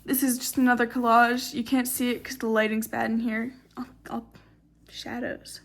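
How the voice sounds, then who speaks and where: A woman's voice: a little high, level tone, normal speed. Tired, rambling young woman. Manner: rambling and jokey, with swearing and sarcastic asides. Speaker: artist showing her sketchbook. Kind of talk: casual late-night sketchbook tour. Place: indoors, dim room at night.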